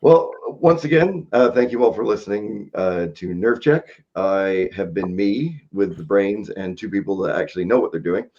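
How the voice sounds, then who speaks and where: A man's voice: low-pitched, moderate pace, few pauses, a little mellow. A man hosting a podcast, rambling casually and laughing often, poking fun at himself. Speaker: podcast host. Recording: dull lo-fi sound.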